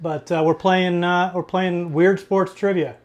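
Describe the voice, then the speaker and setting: A man's voice: high-pitched, level tone, unhurried. A man co-hosting a casual livestream trivia game, reading questions aloud and teasing the chat. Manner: reads questions and teases the chat. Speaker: trivia co-host.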